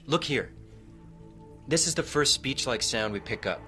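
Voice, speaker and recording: Bright-voiced nerdy lab tech, precise, technical, over soft music. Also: male voice, mid-range voice, lively intonation. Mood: explaining. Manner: fast technical explaining. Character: nerdy male police tech expert, precise. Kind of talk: audio drama acting.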